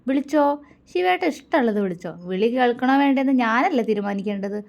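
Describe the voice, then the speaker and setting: A woman's voice: fairly high pitch, fairly even intonation, a little fast, dark tone, highs cut off, lightly acted. A woman reading a story aloud, voicing a young wife who answers her husband in a tearful, scornful tone. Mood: defiant. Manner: tearful yet defiant, scornful. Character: young wife, hurt but stubborn.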